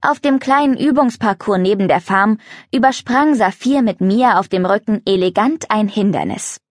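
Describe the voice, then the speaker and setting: Brief: woman narrator for a kids' story, clear lively delivery, dry close studio sound. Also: medium pitch, normal speed, no echo. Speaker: audiobook narrator. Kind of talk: scripted narration of a children's audiobook.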